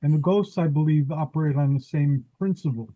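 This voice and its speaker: A man's voice: fairly high pitch, a little fast, dark tone, dry recording. A man co-hosting a paranormal podcast, musing in a reflective, casual way. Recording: dry tinny phone-like line.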